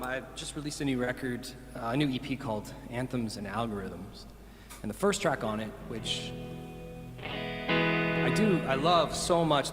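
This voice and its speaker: A man's voice: medium pitch, fairly bright tone. Enthusiastic musician guy, laughing a lot. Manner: enthusiastic, laughs often, rambling. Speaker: musician guest. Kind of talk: casual interview chat.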